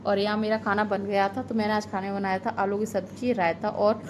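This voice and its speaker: A woman's voice: mid-range voice, little pitch movement, brisk, darkish tone, a little hiss or hum. A woman in her thirties, a mother, talking casually through a family vlog with a homely, advice-giving manner. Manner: chatty, homely, advice-giving, drifting into heartfelt reflection.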